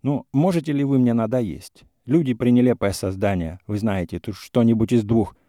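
A man's voice: mid-range voice, moderate pace, warm tone, dry recording, clean studio sound, lightly acted. A man reading as an indignant young suitor. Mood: insistent. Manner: heated, indignant, insistent. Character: hot-headed young gentleman suitor, easily angered. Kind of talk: audiobook character reading.

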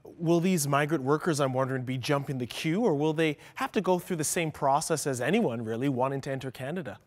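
A man's voice: fairly high pitch, a little fast, no room sound. A man hosting a news program, narrating a report and formally questioning a guest.

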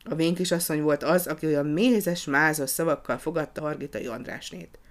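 A narrator reading a storybook aloud in a lively, expressive way. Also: medium pitch.

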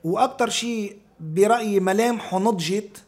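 A man with a Lebanese accent and a high-pitched, slightly mellow voice takes part in an informal political discussion at normal speed. He speaks emphatically, repeating phrases and posing rhetorical questions.

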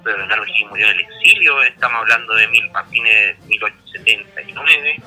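A man's voice: lowish voice, expressive, quick pace, pushed and bright, soft background music, low-quality recording. A man with a Chilean accent casually discussing history, rambling with many restarts and fillers. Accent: Chilean Spanish.

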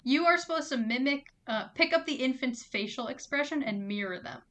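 Bright, fairly high-voiced woman co-host, casual, giggly fact-sharer. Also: lively intonation, a little fast. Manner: giggly, reads out facts with playful asides. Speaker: podcast co-host. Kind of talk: casual chat.

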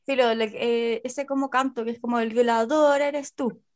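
A young Chilean woman with a high voice chats casually. Her speech is colloquial Spanish sprinkled with English words and local slang. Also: fairly even intonation, moderate pace. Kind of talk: casual chat.

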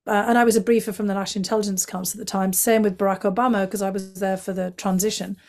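A woman's voice: mid-range voice, flat delivery, rapid-fire, a little mellow. A middle-aged woman with a Northeast English accent, from County Durham, answering interview questions in a fluent, candid way with frequent fillers. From County Durham, England. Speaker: guest, former intelligence analyst.

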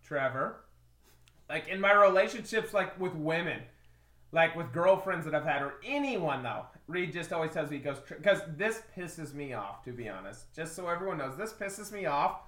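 Animated podcast co-host in his twenties, fairly high bright voice, blunt, swears freely, echoey room. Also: moderate pace. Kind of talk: casual podcast chat.

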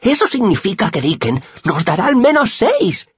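A man's voice: high voice, big pitch swings, brisk, slightly rough, dry recording, dull audio, pitched above the performer's own voice, exaggerated voice. A crude, jeering street boy. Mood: greedy excitement.

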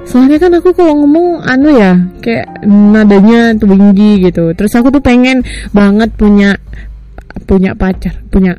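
A woman's voice: medium pitch, moderate pace, warm tone, muffled recording, soft background music. Giggly young woman chatting casually. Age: young adult. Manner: giggly, chatty, frequent laughter. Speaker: podcast host. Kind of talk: casual chat.

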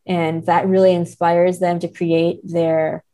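A literary scholar appearing as a podcast guest speaks in a lowish, dark voice with little pitch movement. Measured and reflective, she hedges carefully as she works through her analysis in a thoughtful literary discussion.

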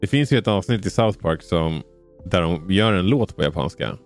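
A man's voice: sits low, lively intonation, soft background music. A man co-hosting a casual gaming podcast, curious and full of questions. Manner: curious, asks lots of questions. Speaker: podcast co-host.

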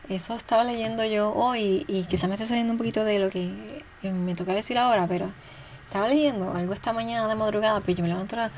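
A woman talks through parenting ideas in a relaxed, unscripted way, pausing on fillers as she thinks. She slips into quoted voices of parents and kids as examples. Her voice sits at a middle pitch, with faint background noise. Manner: conversational, thinks aloud with fillers. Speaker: parenting educator. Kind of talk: casual spoken talk on parenting.

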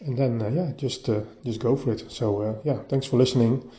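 Male podcast host, mellow voice, halting delivery with frequent restarts, dull lo-fi phone recording in a slightly echoey bedroom. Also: medium pitch. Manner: halting, often repeats words as he restarts. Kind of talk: casual solo podcast monologue. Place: partly furnished bedroom, a bit echoey. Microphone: phone voice-note app.

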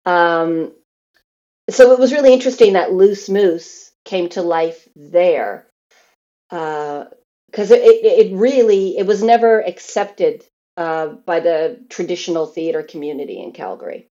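Here a woman guesting on an interview relaxes into storytelling, imitating other people's lines; she is a Canadian theatre performer who grew up in Newfoundland and Alberta. Her low-leaning, mellow voice is animated and keeps a measured pace, though the highs are cut off in the audio.

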